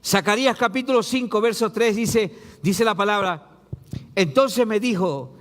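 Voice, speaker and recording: A man pastor preaching a sermon, reading scripture aloud and asking the congregation rhetorical questions with rising emphasis and low drops. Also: measured pace, fairly bright tone, big-room sound.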